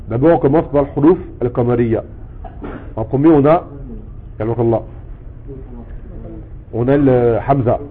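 A man teaching a language lesson, explaining patiently step by step and repeating words slowly for his student. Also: medium pitch. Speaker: Arabic teacher. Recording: tinny phone-like sound with faint noise.

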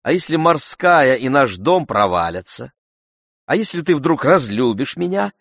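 A man reading an audiobook, voicing a playful, mischievous young woman in a raised, lively voice. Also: medium pitch, a little slow, vocal fry, no echo, studio quality, voice pushed up, heavily acted. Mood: teasing.

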